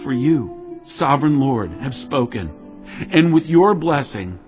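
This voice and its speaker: A devout and commanding ancient king, acted by a man, speaks earnestly at a middling pitch. The delivery is measured and gracious, as in a biblical audio drama, with slightly dull sound. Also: lively intonation, natural voice. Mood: humble, hushed. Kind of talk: dramatized audio Bible acting. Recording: dull lo-fi audio over music.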